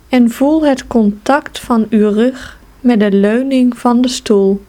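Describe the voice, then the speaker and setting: Here's a relaxation guide speaking with a slightly high voice in a guided progressive muscle relaxation. Everything is unhurried: very slow, calm, soothing directions broken by long pauses.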